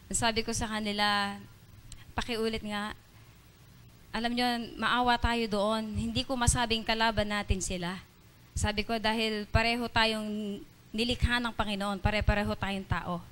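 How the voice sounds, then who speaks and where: A woman giving an earnest church testimony during an evening service, halting often with fillers and restarts. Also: medium pitch, steady tone, fairly bright tone, clean tone. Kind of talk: spoken testimony in Tagalog-English mix.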